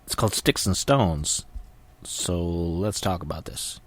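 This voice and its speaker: Man, middle-aged, low pitch, muffled clenched-teeth speech, jaw nearly shut, halting, casual rambling podcast talk. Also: lively intonation, noisy background. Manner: halting and hesitant, repeating words. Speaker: podcast host.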